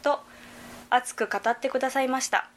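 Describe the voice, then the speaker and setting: A young woman from Hyogo narrating a prepared report, reading in a careful, measured way. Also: high-pitched, fairly even intonation, slight background noise. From Hyogo Prefecture, Japan. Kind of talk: scripted narration.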